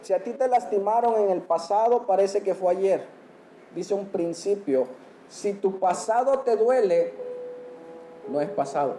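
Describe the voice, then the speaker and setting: A pastor with a high, mellow voice preaches animatedly at a measured pace in a church hall, quizzing the congregation and answering each point with amen. The echoey recording carries a little hiss or hum.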